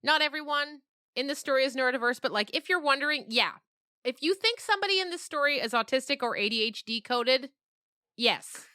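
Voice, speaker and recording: Speaking fairly quickly in a high, pushed, bright voice, a woman novelist animatedly tells stories during an interview. Her delivery is emphatic and conversational, with frequent check-ins with the listener, captured as a dry, studio-quality recording.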